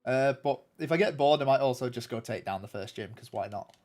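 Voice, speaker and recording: Answering viewers on a game livestream, a young man rambles casually, his nasal speech peppered with ums and restarts. He talks fairly quickly and in an animated way, with a medium pitch and darkish tone. Faint music plays behind him.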